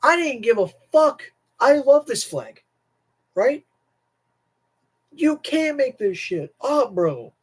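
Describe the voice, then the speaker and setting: This young American livestream host rants to chat in a casual, emphatic way, swearing and repeating himself. His voice is extremely high and sing-song with a breathy edge, and he talks slowly, pausing often.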